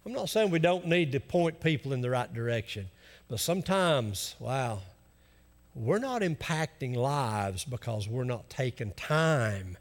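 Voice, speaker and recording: A man with an Appalachian accent preaching a conversational sermon in a folksy, emphatic way, acting out what people might say. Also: medium pitch. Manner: folksy, emphatic, acts out imagined objections. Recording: reverberant hall.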